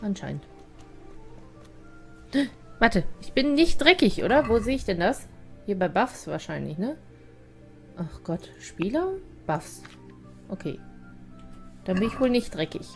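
A woman's voice: mid-range voice, very animated, a little slow, long pauses. A German woman chatting playfully over her gameplay, talking to the characters, with game music behind. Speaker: let's play host. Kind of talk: casual gameplay commentary.

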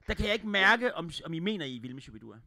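A man's voice: a little high, sing-song, bright, forceful tone, dry recording, studio quality. A man with a Jutlandic accent hosting a livestream concert, chatting in a rambling, playful way and swearing freely. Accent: Jutlandic Danish. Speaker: livestream concert host and musician. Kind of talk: joking livestream banter between songs.

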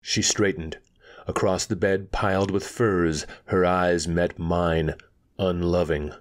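A man reading a fantasy story aloud in a steady, measured narration. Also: low voice. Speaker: audiobook reader.

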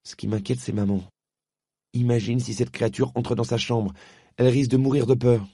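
A man's voice: medium pitch, expressive, a little fast, mellow, husky, no room sound, studio quality, voice pushed up. A man voicing an anxious young boy who pleads and defends himself. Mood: pleading. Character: anxious young boy, worried for his mother.

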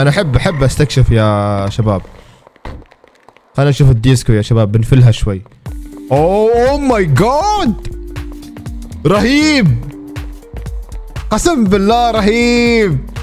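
Excitable gamer guy. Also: medium pitch. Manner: excitable, exclamatory, talks to viewers. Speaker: gaming streamer. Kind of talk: casual gameplay commentary.

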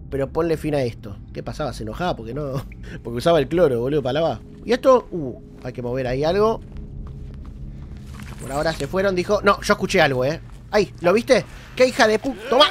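Young Argentine gamer with a cold, fairly high voice, swears constantly, shrieks at scares, faint room hiss. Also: male voice. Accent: Argentine Spanish. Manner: swears often, screams at jump scares. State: has a bad cold. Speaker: gameplay streamer. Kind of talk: horror game let's play commentary.

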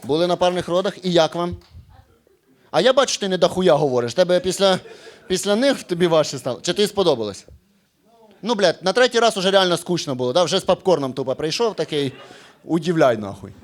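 A man's voice: high voice, animated. Brash, profane young man comic. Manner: brash, profane, quick to mock the crowd. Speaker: stand-up comedian. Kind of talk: stand-up routine with crowd work. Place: stage in a comedy club.

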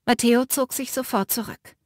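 A woman narrating a fantasy audiobook in the first person with measured, expressive storytelling on a close studio mic. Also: on the high side, dry recording.

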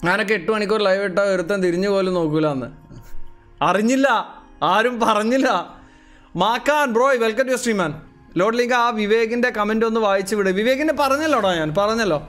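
A man's voice: high voice, a little fast, fairly bright tone, soft background music. A man from Kerala on a casual live stream, chatting and answering viewers as bro over a calibrated streaming mic. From Kerala, India. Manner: chatty, greets viewers and answers chat, calls them bro.

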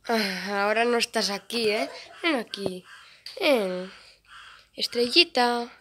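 A woman's voice: medium pitch, takes it slowly. A woman vlogging casually on a handheld phone around a rural yard, talking affectionately to her animals with little questions and pet names. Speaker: vlogger hosting a channel about pets. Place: around a rural home's yard and animal pens, mostly outdoors. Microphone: handheld phone held by the speaker. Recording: handheld phone recording with faint noise.

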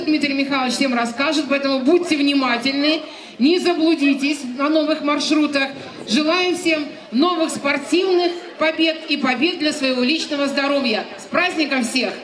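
High-voiced middle-aged woman, echoing outdoor speech. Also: fairly bright tone. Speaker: district head giving opening address. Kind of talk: formal greeting speech. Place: outdoors on building steps, over a loudspeaker. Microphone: handheld microphone. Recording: echoey outdoor PA with faint crowd.

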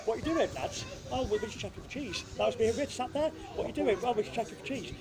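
A young man telling a story to friends in a back garden, loud and quick, caught on a phone lying on the grass. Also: extremely high pitch, lively intonation, a crowd in the background. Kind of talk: casual banter with friends. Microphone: phone camera on the grass. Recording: loud music behind, outdoor phone audio.

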